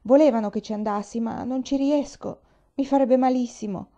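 A woman's voice: a little high, moderate pace, dark tone, dull audio, pitched above the performer's own voice, close to an everyday voice. A woman reading aloud, voicing a sensitive, dreamy young boy who fears pain, in a plaintive, pleading way.

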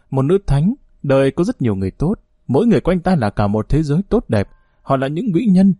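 Mellow male audiobook narrator. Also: medium pitch, no echo, studio quality. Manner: steady, measured reading. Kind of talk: scripted novel narration.

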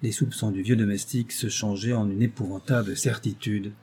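A man narrating a novel in a measured, dramatic reading. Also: fairly low pitch, fairly even intonation, dark tone, a little hiss or hum. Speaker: audiobook narrator.

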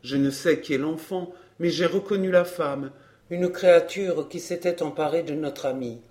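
A man's voice: on the high side, normal speed, a little mellow, close to an everyday voice. A man reading an earnest young lover. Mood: urgent. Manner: earnest, urgent. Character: devoted young man in love.

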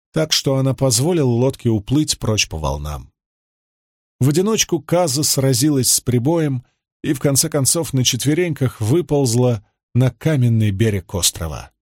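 Steady male audiobook narrator, dry sound. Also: medium pitch, dry recording.

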